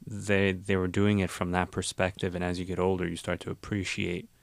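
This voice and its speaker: Deep-voiced reflective male podcast host. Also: completely flat delivery, fairly quick, creaky, dry recording. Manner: reflective, asks thoughtful questions. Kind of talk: casual podcast conversation.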